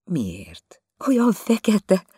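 Audiobook figure: gentle, frightened young housemaid, read by a man, high and hushed, dry recording. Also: huge pitch swings, breathy edge, no room sound, heavily acted. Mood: timid. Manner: soft, timid questions, turning to a high frightened whisper. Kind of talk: audiobook dialogue.

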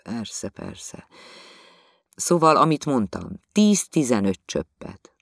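A calm, elderly family doctor with a soft, patient voice, as a man reading the book voices him. He explains things gently and mildly. The sound is close and dry. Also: medium pitch, no echo. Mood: mumbling. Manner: soft, mild, lecturing gently. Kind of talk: audiobook character voice.

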